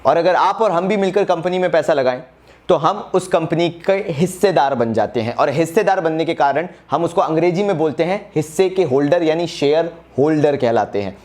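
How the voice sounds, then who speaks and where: Brisk man teaching an exam revision lesson. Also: fairly high pitch, a little mellow. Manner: brisk, direct, coaxing students to write quickly; mixes English terms into casual speech, calls students brother. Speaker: commerce teacher. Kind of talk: fast exam-revision lecture.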